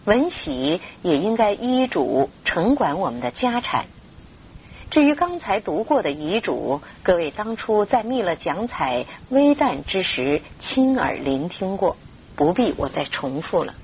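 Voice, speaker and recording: A woman voicing a wronged widowed mother who speaks in a solemn, measured way. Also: mid-range voice, sing-song, highs cut off, slight background noise.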